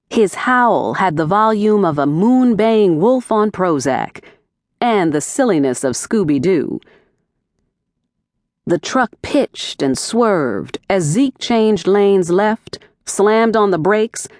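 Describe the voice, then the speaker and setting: A woman narrating a first-person mystery audiobook in a wry, animated storytelling manner, recorded in a studio. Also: lowish voice, dry recording. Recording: dry, close studio recording.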